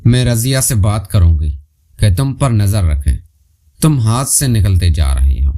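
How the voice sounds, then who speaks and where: A teasing middle-aged aunt who scolds in jest, as a man puts her on while narrating. Her voice is low and mellow and keeps jumping in pitch. Faint crickets can be heard behind. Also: big pitch swings.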